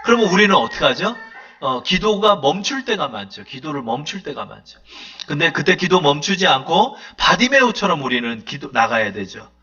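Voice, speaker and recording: Male pastor, sermon, high bright voice, fervent pleading prayers, dull lo-fi sound. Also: very animated, normal speed, husky. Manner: fervent preaching, acting out prayers in a raised voice.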